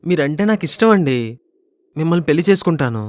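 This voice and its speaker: An actor playing a shy, earnest young man in love, speaking softly and pleading. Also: fairly high pitch, animated, fast, dry recording, close to an everyday voice. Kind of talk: romantic comedy web series acting.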